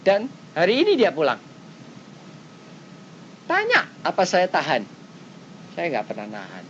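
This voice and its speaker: Woman preacher, colloquial sermon, lively swooping pitch, dull lo-fi cassette sound, faint low rumble. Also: a little slow. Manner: animated, with big swings between loud high exclamations and low quiet asides; speaks in plain everyday phrasing, often addressing listeners directly.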